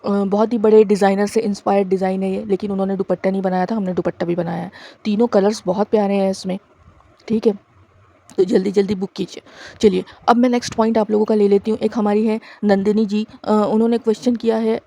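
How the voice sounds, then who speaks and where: In this product showcase, a boutique owner and lecturer walks viewers through designer outfits. Her voice is mellow and medium in pitch, and her sales talk is chatty and packed with fillers.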